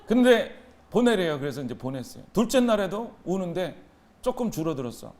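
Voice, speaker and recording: A male pastor in his thirties delivers a sermon with a high, ringing voice. He is animated and keeps calling out to the congregation for answers. His delivery swings between loud exhortation and soft asides. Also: fairly quick, a little hiss or hum. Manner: animated, call-and-response with the congregation.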